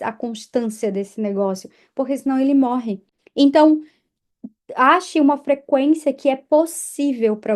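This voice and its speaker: Female instructor, fairly high pitch, animated and direct, talks straight to students. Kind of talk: online course lesson.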